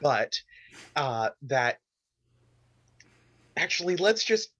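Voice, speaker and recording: A young man co-hosting a podcast in casual chat, halting and restarting as he pushes back on a point. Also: on the high side, big pitch swings, sharp tone. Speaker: podcast co-host. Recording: dry, dull lo-fi mic.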